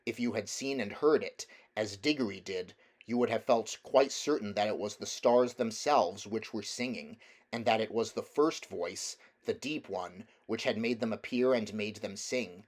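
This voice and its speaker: An audiobook reader, a man with a fairly low voice, narrates a children's novel aloud in a measured, deliberate storytelling style.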